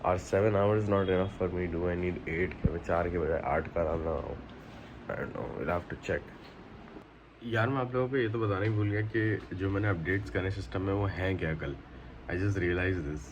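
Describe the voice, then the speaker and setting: A vlogger talks casually to the camera in his daily vlog, his low voice moving at a moderate pace, with muffled highs and background noise. Reflective and chatty, he thinks out loud and switches back and forth between Hindi and English.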